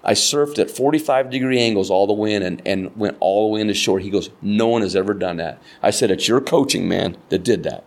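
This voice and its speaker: A man's voice: lowish voice, fairly quick, gravelly, hardly any pauses. Earnest man telling fishing stories. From Nebraska, United States. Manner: rambling, earnest, lots of fillers and restarts. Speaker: podcast guest, kayak fishing guide. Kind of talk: casual storytelling interview.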